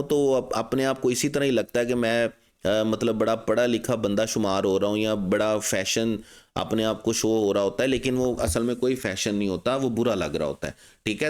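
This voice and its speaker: Man, English teacher, exam-prep lesson, medium pitch, asks and answers his own questions. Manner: asks rhetorical questions and answers them himself; reads English test sentences slowly and deliberately.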